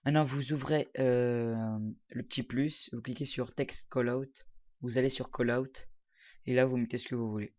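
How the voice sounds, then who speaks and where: A man's voice: mid-range voice, fairly even intonation, normal speed, darkish tone. A man casually walking viewers through a video-editing program, talking while he clicks, with many hesitations and fillers. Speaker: tutorial presenter. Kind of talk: casual screen-recorded software tutorial.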